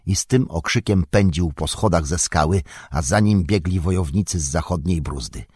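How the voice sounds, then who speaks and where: A man narrating a fantasy novel in a measured, dramatic reading. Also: low voice, darkish tone, slightly rough, dry recording, studio quality. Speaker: audiobook narrator.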